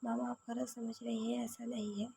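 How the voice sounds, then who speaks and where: A hot-tempered yet devoted young son, voiced by a woman narrating a novel. The lines come in a flat, gravelly read with almost no rise and fall. The tone stays mellow and soft-edged. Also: on the high side, normal speed, slight background noise. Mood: pleading. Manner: flat, even read-aloud delivery.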